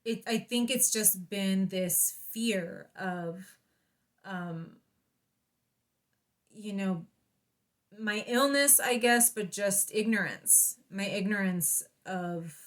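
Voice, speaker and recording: American woman just talking to her vlog, kinda hesitant, thinking out loud, medium pitch. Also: takes it slowly. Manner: reflective, hesitant, thinking aloud. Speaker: vlogger. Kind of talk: casual personal monologue.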